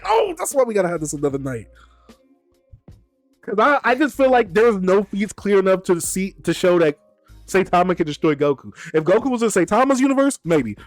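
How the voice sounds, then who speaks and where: A man hosting a live stream, chatting casually, animated and argumentative, often repeating himself. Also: sits high, no room sound. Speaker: streamer host.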